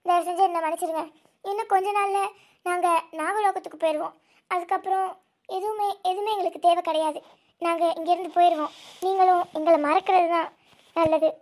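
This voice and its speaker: A woman's voice: extremely high pitch, steady tone, a little mellow. Woman voicing a tearful young snake-woman. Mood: firm refusal. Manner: tearful, pleading, halting repeats. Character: grieving young snake-woman, protective elder sister. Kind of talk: amateur audio drama.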